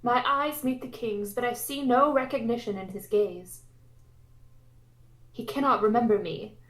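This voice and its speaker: Girl voicing a earnest dramatic young princess from a visual novel, highish voice, roomy echo. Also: measured pace, natural voice. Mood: indignant. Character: young princess, earnest, indignant, cursed heroine. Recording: roomy, echoey sound.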